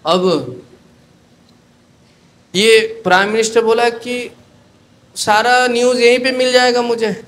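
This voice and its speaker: High-voiced animated male preacher. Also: slow, pauses often. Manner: animated storyteller, mixing in English phrases. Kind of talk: storytelling sermon.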